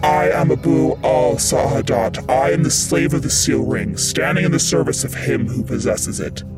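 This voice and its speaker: Proud old genie, gravelly, hollow, stately pace, loud music behind. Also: male voice, mid-range voice, sing-song. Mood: solemn. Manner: slow, stately, commanding speech. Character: hulking ancient male genie, proud and lonely.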